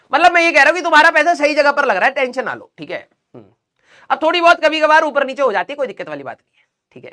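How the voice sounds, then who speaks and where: A man's voice: very high voice, bright, forceful tone. A young man teaching a live online physics class in a chatty, joking way, teasing his students. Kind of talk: casual live class lecture.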